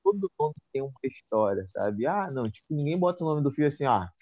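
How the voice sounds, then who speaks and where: A man's voice: mid-range voice, sing-song, fast, a little mellow, no echo. A man hosting a casual interview in a laid-back, slangy way.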